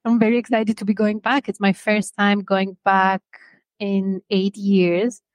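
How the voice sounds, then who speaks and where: A young Greek woman, whose first language is Greek, appears as an author guest on a podcast interview, speaking English. Her voice is middle-pitched and flat, and she talks in a measured way, pausing often to find her words. The recording is close and dry.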